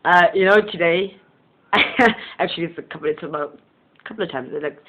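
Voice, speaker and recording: Fairly quick and mid-range in pitch, the voice of this motivational channel host comes through with a tinny, phone-like sound. He offers a casual spiritual monologue, speaking Southern Sesotho as his first language, and wanders gently and sincerely from thought to thought, chuckling often.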